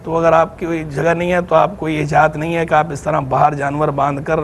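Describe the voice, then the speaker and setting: Speaking a little fast in a fairly high, level voice, this Islamic scholar with a Pakistani Urdu accent answers questions on a TV studio program. He lays out religious rules and grammar with patience and method, and the audio carries a slight hiss or hum.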